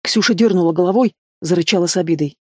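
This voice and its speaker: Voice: medium pitch, fast talker, no room sound, studio quality. An audiobook reader narrating a fantasy novel expressively. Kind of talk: scripted narration.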